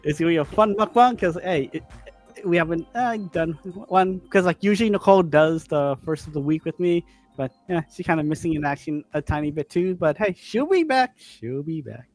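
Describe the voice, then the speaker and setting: Man host, very high voice, rambly upbeat stream chat, faint music behind. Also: brisk, no echo. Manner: rambling, filler-heavy, upbeat.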